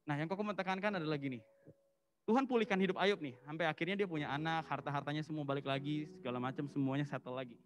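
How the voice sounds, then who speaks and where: A male pastor giving a casual, lively sermon, telling the story in slang and mixing in English phrases. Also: a little high, quick pace. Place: church service.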